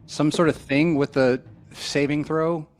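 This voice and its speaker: A man's voice: on the high side, fairly even intonation, unhurried, a little hiss or hum. A man chatting casually as a tabletop role-player, jokey and sweary, acting out his character as he goes. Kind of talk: casual game chat.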